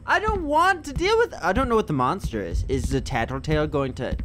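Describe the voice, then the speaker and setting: A man's voice: fairly high pitch, big pitch swings, brisk, over loud music. Jumpy, scared young male horror game streamer. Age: young adult. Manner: jumpy, foul-mouthed, exclaiming and muttering to himself. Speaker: gaming streamer. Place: indoor room at home. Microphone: close desk microphone with headset headphones.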